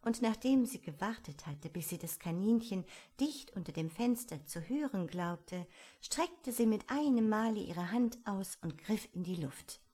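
A woman narrating an audiobook in a calm, even storytelling manner. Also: mid-range voice, unhurried, husky.

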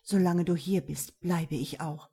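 A woman's voice: sits low, unhurried, gravelly, dark tone, slightly rough, full character voice. A woman reading the lines of an earnest young man in love in an audiobook.

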